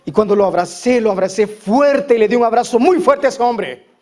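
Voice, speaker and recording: High-voiced preacher, man, emphatic sermon. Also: brisk, a little mellow. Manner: emphatic, repetitive preaching cadence. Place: church service.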